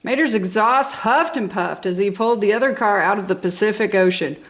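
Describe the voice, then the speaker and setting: A woman with a medium-pitched voice reads a children's story aloud at a brisk clip. She narrates with enthusiasm and dramatic emphasis, as an expressive storybook reader would.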